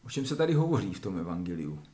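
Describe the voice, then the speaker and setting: A man giving a spoken lecture that explains religious texts step by step, often pausing to clear his throat. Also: deep voice, very animated, warm tone. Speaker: lecturer on esoteric Christianity. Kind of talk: spoken lecture with Bible reading. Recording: roomy echo.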